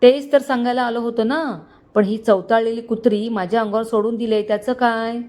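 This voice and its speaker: A woman voicing a cocky, scheming young male con man who speaks calmly and mockingly. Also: on the high side, fairly quick, natural voice. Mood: smug. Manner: calm, mocking, smug.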